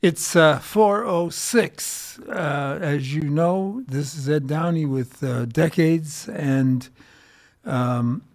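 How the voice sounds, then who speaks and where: An American man with a gravelly voice hosting a music radio show, musing in a halting, rambling way with repeated words. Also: a little high. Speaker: radio host.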